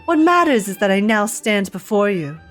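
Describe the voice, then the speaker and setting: A woman's voice: medium pitch, big pitch swings, moderate pace, faint music behind, close to an everyday voice. A woman voicing a gallant knight of beauty with flowery, theatrical, courtly delivery, reading game dialogue. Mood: solemn, courtly. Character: gallant, florid male knight devoted to beauty.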